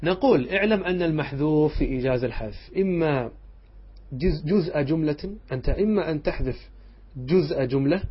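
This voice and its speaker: A sheikh with a husky, somewhat high voice teaches a class through a text. He poses questions to his students, answers them himself, and keeps checking that they follow. The recording is dull and lo-fi. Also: brisk. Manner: checks understanding with short asides. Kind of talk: classroom lecture explaining a text line by line.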